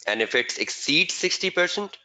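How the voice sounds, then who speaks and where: A man teaching an exam webinar, repeating key phrases slowly for emphasis and answering viewers' chat questions by name. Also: high voice, expressive, sharp tone. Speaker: exam tutor.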